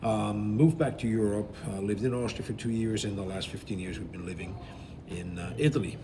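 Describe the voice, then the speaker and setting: A middle-aged man from Belgium, a cruise director, answering interview questions in a relaxed, explanatory way with frequent fillers. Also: on the low side, a little fast, noisy background. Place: aboard a river cruise ship.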